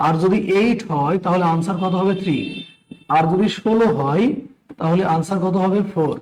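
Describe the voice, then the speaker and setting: A man's voice: high-pitched, normal speed, darkish tone, rough recording. A tired man with a Bangladeshi Bengali accent and a strained voice teaches a live online math class, repeating steps and quizzing his students. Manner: repeats steps, quizzes listeners, greets chat by name. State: tired, talking slowly.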